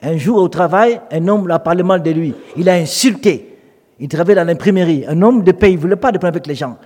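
A man delivers a sermon in a high, lifted voice. He tells stories with animation and slips into the voices of the people he quotes. His words ring out with the long reverb of a large hall. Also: fast talker, a little mellow. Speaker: preacher.

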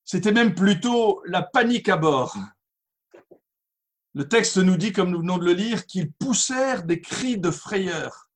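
A man preaching a sermon as pastor, reading scripture aloud and then expounding it with slow, deliberate emphasis. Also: sits high, animated.

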